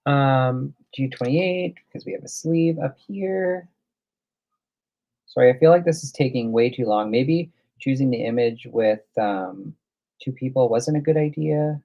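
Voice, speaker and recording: A man's voice: mid-range voice, measured pace, gravelly, mellow, muffled recording. A man hosting a casual live coloring demo, chatting and thinking aloud as he works. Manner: chatty, thinks aloud while working, reads out viewer comments. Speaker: livestream host.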